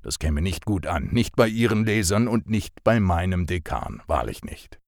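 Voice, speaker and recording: Man doing a gruff, low-grumbling old professor. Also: lively intonation, normal speed, no echo, studio quality. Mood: mock stern. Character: gruff older male professor, stubborn, dry humor.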